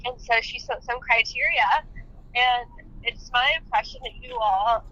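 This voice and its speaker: Give me a young woman with a higher voice talking over a phone on speaker, rambling casually. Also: normal speed, bright, forceful tone. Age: young adult. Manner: chatty, rambling, many fillers. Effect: heard over a phone on speaker. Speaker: phone-in guest. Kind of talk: casual storytelling. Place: outdoors in the rain. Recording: muffled phone speaker audio.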